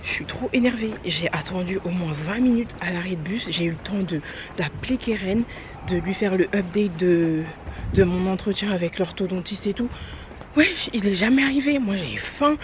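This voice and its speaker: Hurried woman vlogging on a noisy street. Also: on the low side, a little mellow. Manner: hurried and exasperated, mixes in English phrases. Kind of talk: casual day-in-my-life vlog chat. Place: outdoors on city streets and at a bus stop. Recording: street noise and passing vehicles behind.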